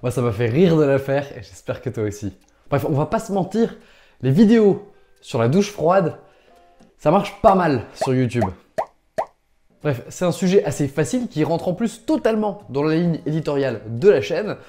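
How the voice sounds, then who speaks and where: A man's voice: on the high side, big pitch swings, moderate pace, mellow, a little hiss or hum. A young man hosting a YouTube video, talking casually and directly to viewers. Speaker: YouTube host. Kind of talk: casual presentation to camera.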